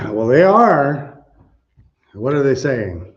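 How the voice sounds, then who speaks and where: A middle-aged preacher with a mid-range voice speaks extremely slowly, his pitch swinging widely. He teaches a conversational sermon with slides, often saying "you know" and asking questions of his audience, who respond, in a church meeting room. The recording is dull lo-fi.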